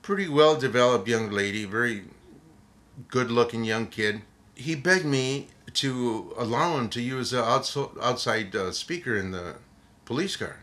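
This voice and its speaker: An older man, a retired police officer, telling a funny story from the job in a casual, animated way, often repeating words. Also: medium pitch, a little slow.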